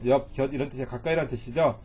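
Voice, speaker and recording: A man's voice: mid-range voice, fast talker, a little mellow, slightly rough, highs cut off. Patient Korean Japanese-language teacher, man. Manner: patient, repeats each phrase and translates it word by word. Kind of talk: recorded lecture explaining Japanese reading.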